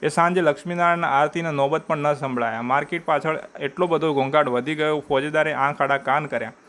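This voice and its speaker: A man reading a short story aloud in a measured way, sometimes stopping to restart a word. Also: fairly high pitch, steady tone, a bit bright.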